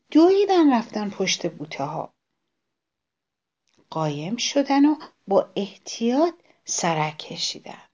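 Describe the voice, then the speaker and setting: A woman narrating a children's story, expressive and speaking directly to the children listening. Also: medium pitch.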